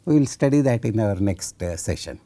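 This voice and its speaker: A man's voice: on the low side, expressive, brisk, mellow, dry recording. A man giving a technical science lecture, didactic, often putting questions and answering them himself.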